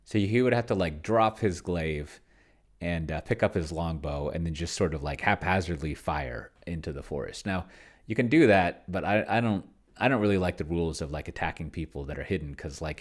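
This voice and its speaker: This low-pitched man is hosting a tabletop roleplaying session alone. His delivery is casual and musing, full of hesitations, and he regularly trails off before finishing a thought.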